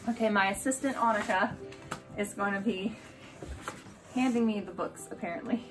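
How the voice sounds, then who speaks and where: Over music, an American homeschooling mother in her thirties chats casually at normal speed, her voice mid-range, while unboxing for her home vlog. The setting is a small, furnished room indoors at home.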